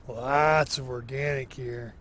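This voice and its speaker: Slow, musing man narrating gameplay. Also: medium pitch, steady tone, fairly bright tone, a little hiss or hum. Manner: slow, musing, talks to himself. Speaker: gameplay commentator. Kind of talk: relaxed solo game commentary.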